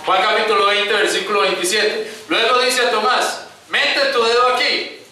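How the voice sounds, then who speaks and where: High bright preacher in an echoey hall. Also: male voice, steady tone, moderate pace, a little hiss or hum. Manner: addresses the congregation as brothers, acts out quoted voices. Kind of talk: sermon. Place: church hall. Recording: echoey room, picked up from a distance.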